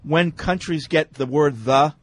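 A slightly high-voiced man hosts a loose talk radio show. He reads listener notes and chews over ideas out loud, slowing down to lay out each example. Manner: thinks aloud, slows down to spell out examples. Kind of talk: casual talk radio, reading listener messages.

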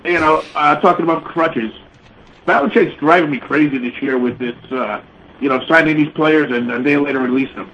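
A man's voice: a little high, fairly bright tone. A man from Connecticut calls in from his bed. His voice is muffled as if he were under the blankets, and he talks casually with lots of "uh" and "you know.". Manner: casual, halting, with many "uh" and "you know" fillers. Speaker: caller. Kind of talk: casual call-in chat. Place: lying on his bed at home. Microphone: cordless phone held far from its base. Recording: dull hissy lo-fi phone line.

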